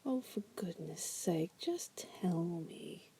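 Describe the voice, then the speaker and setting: In an ASMR roleplay, a woman plays a bored, manipulative female demon held prisoner, softly teasing and coaxing the listener with a curious air. Her lowish, breathy voice swings widely in pitch, moves slowly, is heavily acted, and often sinks into a whisper.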